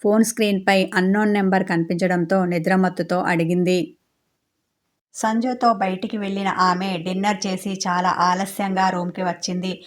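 Woman narrating a novel in a flat voice. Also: medium pitch, normal speed. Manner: steady, even reading. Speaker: storyteller.

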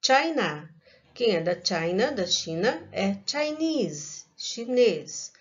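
A Brazilian woman teaching an English lesson to young children in a recorded online class, speaking slowly and carefully and repeating each word. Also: mid-range voice, very animated, highs cut off. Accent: Brazilian Portuguese.

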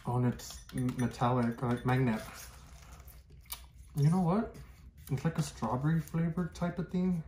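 Casual vlogger, man in his thirties, muffled by a cloth mask, mid-pitched, in an echoey room with background noise. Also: fairly even intonation, unhurried, long pauses, dark tone. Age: 30s. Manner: chatty, easygoing running commentary. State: talking through a cloth mask. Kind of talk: casual candy taste-test vlog.

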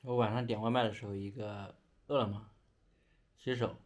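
A man's voice: on the low side, fairly even intonation, moderate pace. A young adult man from China chatting casually as he eats, talking with his mouth full and chewing between phrases. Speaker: vlogger. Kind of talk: casual chat while eating. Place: small indoor bedroom.

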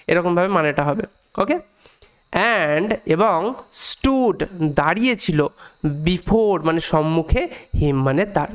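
A man from India teaching an English reading lesson with a high, smooth, resonant voice. He goes word by word, repeating meanings patiently and spelling out sounds. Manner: patient, breaks words down slowly and repeats points.

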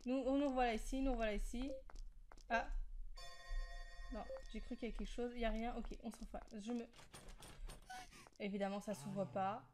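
A woman's voice: a little high, fairly even intonation, moderate pace, long pauses, a little mellow, slight background noise. A woman giving casual commentary on a horror game, jumpy and panicky, often laughing and repeating herself. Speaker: let's play gamer.

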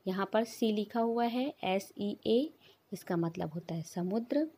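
A woman's voice: medium pitch, expressive, unhurried, mellow, slight background noise. A woman teaching an English pronunciation lesson to children, patiently explaining with repeated examples.

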